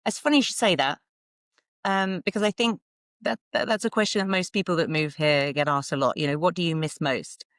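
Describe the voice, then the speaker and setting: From the London suburbs in the south of England, this woman speaks with a southern English accent as a podcast guest, chatty and casual with some self-deprecation in a conversational interview. Her deep, fairly bright voice moves briskly, captured in clean studio quality without echo.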